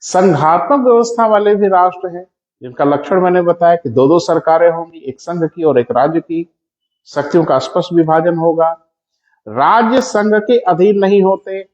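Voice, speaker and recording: A male teacher giving a classroom lecture, calling his students "beta" and slowing down so they can take notes. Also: on the high side, darkish tone. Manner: addresses students as "beta", dictating slowly. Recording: echoey dull classroom audio.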